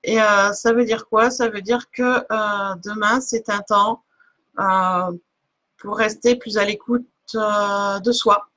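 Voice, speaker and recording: A woman's voice: mid-range voice, steady tone, takes it slowly, bright, forceful tone. A woman giving a live oracle card reading on a stream, casual and hesitant, stopping often to search for words. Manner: many fillers and restarts, laughs at herself.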